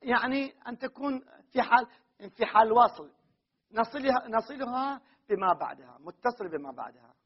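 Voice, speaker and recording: A man's voice: very high-pitched, normal speed, slightly rough. A man teaching grammar in a classroom lecture, repeating key terms and asking the class questions he then answers himself. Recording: dull lo-fi recording.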